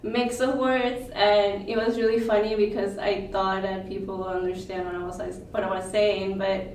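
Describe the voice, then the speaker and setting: A young woman from Peru talks as an interview guest, telling stories in a lively, filler-filled way. Her voice sits in the middle range and comes from some distance away, with a roomy ring and faint noise behind. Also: mid-range voice, moderate pace. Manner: lively storyteller, many "like" fillers. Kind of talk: casual chat. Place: outdoors on a windy day.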